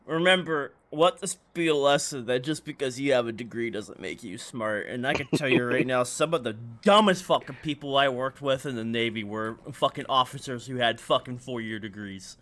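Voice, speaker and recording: A man with a bright, forceful voice chats casually while gaming. He is a Navy veteran who talks bluntly, swears often and speaks in an animated way. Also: medium pitch, moderate pace, hardly any pauses. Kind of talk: casual chat.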